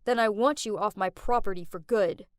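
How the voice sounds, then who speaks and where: A gruff young man, curt and resentful, as a woman reads him out. He talks with clipped edges, and the sound is dead dry with no room around it. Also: sits high, moderate pace, no room sound, voice pushed down, close to an everyday voice. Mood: cold.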